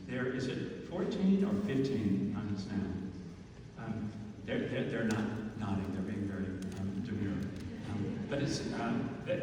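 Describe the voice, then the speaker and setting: Slow, halting homily from a man, echoing church. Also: medium pitch, darkish tone. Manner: halting, hesitant delivery with frequent pauses. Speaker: preacher giving a homily. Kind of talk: pulpit homily at Mass. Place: large reverberant church, speaking to a congregation. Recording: echoey church hall, distant mic, faint noise.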